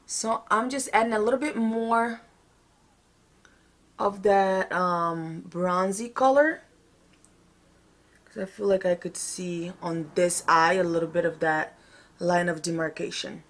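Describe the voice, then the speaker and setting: A woman's voice: on the low side, fairly even intonation, slow pace, long pauses. A woman talking informally through a get-ready-with-me makeup tutorial, thinking aloud as she goes. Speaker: makeup vlogger.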